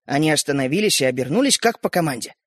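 Man, children's story narrator, high voice, lively melody, dry close sound. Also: fast, no room sound. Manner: expressive, animated storytelling.

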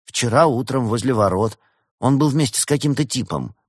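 A man's voice: animated, moderate pace, breathy edge, no room sound, clean studio sound. A man voicing a fussy, self-important female cat sorceress in an audiobook. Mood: haughty. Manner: shrill, demanding, self-important. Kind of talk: audiobook character voice.

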